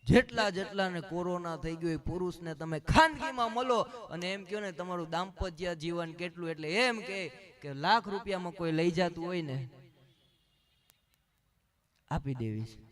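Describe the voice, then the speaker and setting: Animated, bright-voiced comedian. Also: male voice, sits high, normal speed. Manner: animated joke-telling with quoted voices. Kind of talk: stand-up storytelling.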